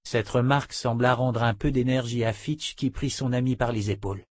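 A man reading a fantasy novel aloud in calm, even scripted narration. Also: medium pitch, normal speed, dry recording. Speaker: audiobook narrator.

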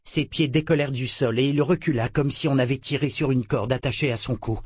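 A man narrating a fantasy audiobook in a measured, dramatic storytelling manner. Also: medium pitch, fairly even intonation, darkish tone, slightly rough, no echo.

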